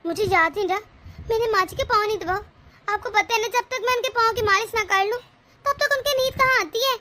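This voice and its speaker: A woman's voice: very high voice, brisk, sharp tone, slight background noise. A woman voicing a patient, dutiful elder daughter-in-law in a cartoon, speaking politely and earnestly. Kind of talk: cartoon voice acting.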